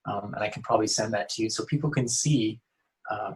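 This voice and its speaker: A little fast and lowish in pitch, this man speaks earnestly as a youth outreach worker in a casual interview. He often starts his sentences over and leans on "you know." The recording is low quality.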